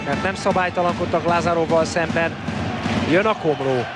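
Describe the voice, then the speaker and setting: A man calls a handball match live in a fairly high voice, with excited calls of the action. He is speaking in a sports hall over loud music. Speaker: sports commentator. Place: sports hall commentary position.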